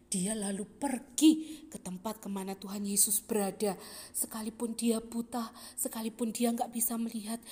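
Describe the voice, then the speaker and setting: A woman narrating a Bible story for children in a lively, expressive way. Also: medium pitch, slightly rough.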